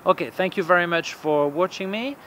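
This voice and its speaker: Reviewing cameras outdoors on a city plaza bench, this man in his forties speaks English as a non-native, his high, slightly bright voice moving fairly quickly. The casual vlog is hesitant, packed with fillers and repeated words, against faint street noise.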